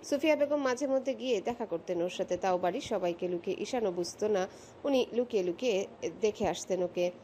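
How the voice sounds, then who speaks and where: A woman narrating a romantic audio story in a steady, expressive storytelling voice. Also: medium pitch, brisk, a little hiss or hum.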